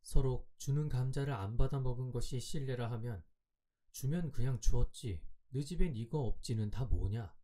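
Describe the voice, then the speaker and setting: Mellow-voiced man reading an audiobook. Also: medium pitch, normal speed. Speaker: audiobook narrator. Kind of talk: scripted audiobook narration for sleep.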